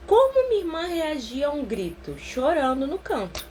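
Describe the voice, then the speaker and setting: A Brazilian woman therapist leading a casual live book-club talk, chatty and expressive, slowing down to stress her points. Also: high voice, a little hiss or hum. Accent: Brazilian Portuguese.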